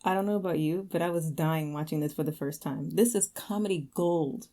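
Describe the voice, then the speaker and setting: Low, mellow-voiced woman with sarcastic commentary. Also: brisk. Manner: sarcastic, mocking. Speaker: reaction video host. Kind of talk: commentary over video clips.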